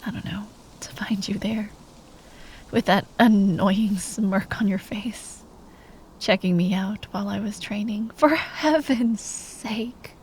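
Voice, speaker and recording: Again voicing a proud royal knight in mourning for a fantasy ASMR roleplay, a woman speaks in a soft, halting way, often breathily whispering, tender with a wry edge and a wistful mood. Her medium-pitched voice sounds natural. The audio is poor, with slight background noise.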